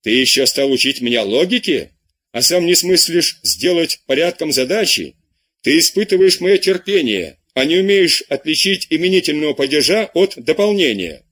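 A man voicing an angry older abbé who scolds his lazy pupil in loud, indignant tirades, with a husky voice. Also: fairly high pitch, very animated, moderate pace, voice pushed up, heavily acted. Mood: outraged. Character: furious older male abbé tutor, scolding.

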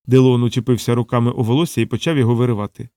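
A man reading a first-person novel aloud in a measured, steady voice. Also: mid-range voice, no echo, clean studio sound. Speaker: audiobook narrator. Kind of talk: first-person audiobook narration.

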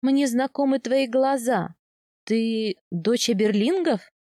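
A woman reading an audiobook, voicing a dignified widow of nearly eighty who speaks in a measured, formally polite and instructive way. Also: on the high side, warm tone, dry recording, studio quality. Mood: welcoming. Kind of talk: audiobook character voice.

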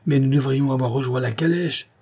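A man reading a novel aloud, voicing a frantic young nobleman who shouts urgent orders to his coachman. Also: medium pitch, fairly quick, husky, voice pushed up, close to an everyday voice. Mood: anxious.

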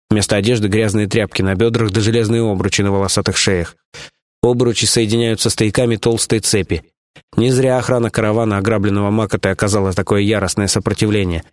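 A man narrating an audiobook in a steady, even storytelling manner. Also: on the low side. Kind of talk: scripted narration.

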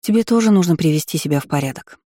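A man reading an audiobook voices a nervous, grateful young heroine with a softly raised pitch. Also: lively intonation, rapid-fire, dry recording, clean studio sound.

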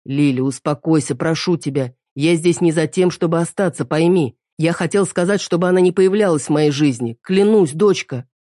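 A woman's voice: deep voice, normal speed, hardly any pauses, warm tone, no room sound, studio quality. Woman reading a pleading, defensive father. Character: harried father pleading with his family.

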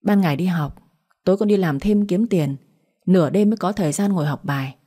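Woman voicing a middle-aged father, reproachful pleading tone, low husky voice, audiobook drama. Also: fairly quick, mellow. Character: aggrieved middle-aged father, patient then angry.

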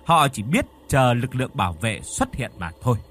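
A man's voice: medium pitch, very animated, normal speed, a bit bright, slight background noise. A man narrating a horror audiobook expressively, voicing the characters as he reads. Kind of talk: dramatic horror story narration.

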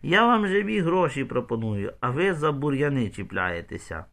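A man's voice: mid-range voice, very animated, moderate pace, creaky, fairly bright tone. A man voicing a shrewd, pushy village woman trader in an audiobook. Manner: persuasive, pushy.

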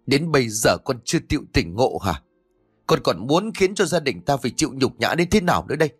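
Man voicing a grieving older mother, wailing, high shrill voice, audio storybook. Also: big pitch swings, normal speed, fairly bright tone, breathy edge, dry recording, clean studio sound, faint music behind, exaggerated voice. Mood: scolding.

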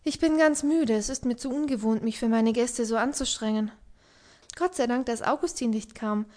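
A busy young hostess, read by a woman in an audiobook. She speaks quickly and lightly in a fairly high voice, warm but rushed. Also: close to an everyday voice. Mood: weary. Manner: hurried, lively and tired.

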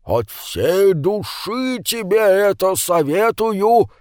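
A crafty old uncle who teases and drawls, as a man reading a story puts him on. The voice swings widely in pitch. It is recorded close and dry. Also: lively intonation, takes it slowly, darkish tone, no room sound. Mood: teasing. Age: older. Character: sly, teasing old male uncle.

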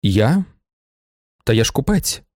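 A man voicing a reserved middle-aged merchant who speaks in a measured, curt, reassuring way in a storybook reading. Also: medium pitch, very animated, darkish tone, dry recording, studio quality. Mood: calm. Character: calm, reserved male merchant of middle age.

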